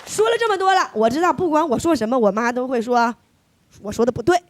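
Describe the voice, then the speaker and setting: A woman's voice: high voice, fast, no echo, some chatter behind. A woman performing a stand-up comedy set on stage, with a chatty, teasing, punchline-driven delivery. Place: stage before a live audience. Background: audience laughter.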